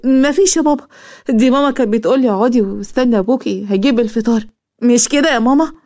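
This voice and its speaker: A woman's voice: fairly high pitch, rapid-fire, a little mellow, natural voice. A woman voicing a scheming young woman with an Egyptian accent, sly and innocent-sounding. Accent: Egyptian Arabic.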